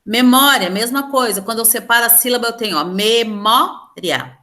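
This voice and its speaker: A woman's voice: on the high side, quick pace, pushed and bright. A woman teacher with a Brazilian Portuguese accent, patiently explaining a grammar lesson step by step and questioning her students. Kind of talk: online class lesson.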